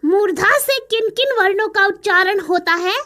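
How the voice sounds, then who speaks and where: A woman's voice: very high-pitched, animated, moderate pace, bright, forceful tone, heavily acted. A woman voicing an eager young male crow chick in a cartoon story, repeating sounds after his teacher.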